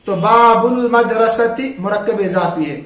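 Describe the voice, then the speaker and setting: Male teacher, very high pitch, prompting question style, echoey classroom. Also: measured pace, fairly bright tone. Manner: quizzing, leaves words for students to finish. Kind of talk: classroom grammar lesson. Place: classroom with a board. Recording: echoey room.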